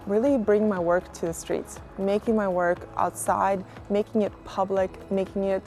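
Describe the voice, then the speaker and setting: Reflective woman artist over soft music. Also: medium pitch. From Kazakhstan. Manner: reflective, many fillers like "sort of" and "like". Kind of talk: interview monologue.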